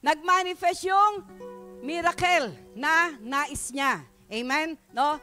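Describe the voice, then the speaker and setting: High-voiced Filipina woman pastor preaching. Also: slow pace, bright, forceful tone, faint music behind. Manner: Tagalog-English code-switching, frequent tag "no?". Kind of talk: sermon.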